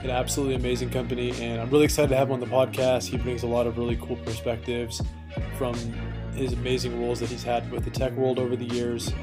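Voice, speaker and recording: A man's voice: medium pitch, flat delivery, fast talker, music in the background. A man hosting a podcast, reading an intro and chatting in an upbeat, joking way. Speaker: podcast host. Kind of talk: podcast intro and casual interview.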